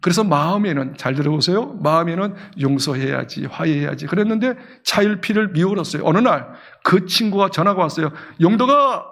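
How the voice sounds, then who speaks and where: A male pastor with a notably high voice delivers a lively sermon. He swings from loud, rising bursts to quiet, low asides. He often calls on his congregation to read along or repeat after him. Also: quick pace. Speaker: senior pastor.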